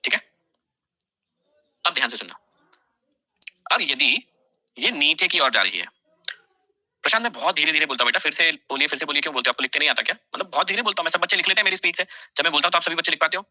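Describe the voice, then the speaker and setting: A man's voice: fairly high pitch, very animated, fast talker, long pauses, bright, forceful tone, no echo. A man teaching a live online class, repeating key phrases for students to write down and talking to them directly, scolding and then reassuring.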